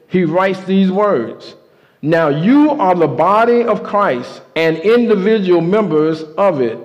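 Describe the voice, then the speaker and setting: A man preaching a sermon to his congregation, emphatic, with call-and-response. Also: on the high side. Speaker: pastor. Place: church sanctuary. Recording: muffled sound with a long hall reverb.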